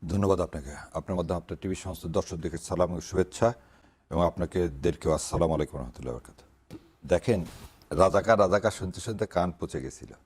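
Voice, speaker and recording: A man's voice: sits low, fast, a little mellow, breathy edge. A man speaking as a political guest on a talk show, greeting viewers formally and mocking opponents' wording. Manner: opens with formal greetings, mocks others' phrasing.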